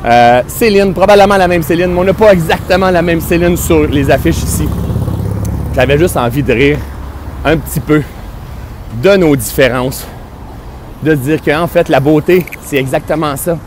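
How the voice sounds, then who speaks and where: A man's voice: a little high, normal speed, noisy background. A man with a Québécois French accent, vlogging outdoors on a city street in a playful, self-mocking, exaggerated comedic way. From Quebec. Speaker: mindfulness speaker. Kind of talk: comedic vlog to camera.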